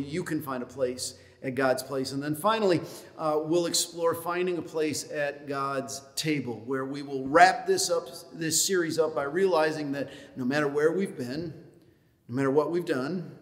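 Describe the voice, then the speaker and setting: Joking pastor in a reverberant church. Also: male voice, a little high. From upstate New York. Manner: folksy, joking, with many fillers. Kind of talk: sermon. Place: church sanctuary. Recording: long hall reverb in a church.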